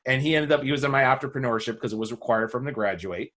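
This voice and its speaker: A man's voice: rapid-fire, fairly bright tone. A man and teacher in casual podcast conversation, telling rambling classroom stories and acting out the people he quotes. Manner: rambling storyteller, acts out quoted students with a high voice.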